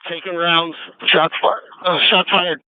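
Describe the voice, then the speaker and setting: A man's voice: a little high, little pitch movement, unhurried, narrow, tinny audio, slight background noise. A man, a deputy in a pursuit, speaking over a police radio in clipped, urgent callouts. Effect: police radio transmission.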